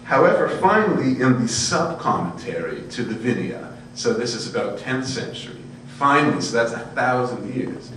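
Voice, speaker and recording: A lecturer in Buddhist studies delivers an informal academic talk in an erudite, discursive manner, frequently checking in with his listeners. His medium-pitched, fairly bright voice is animated, at a moderate pace with hardly any pauses. The recording is very echoey, from a distant microphone, with faint hum and noise.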